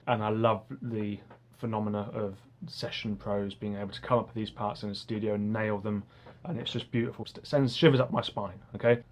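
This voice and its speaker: Man who says w for r, chatting earnestly. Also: mid-range voice. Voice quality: soft R sounds, says w for r. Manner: earnest, rambling, enthusiastic. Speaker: guitarist and online music teacher. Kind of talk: casual talk to camera.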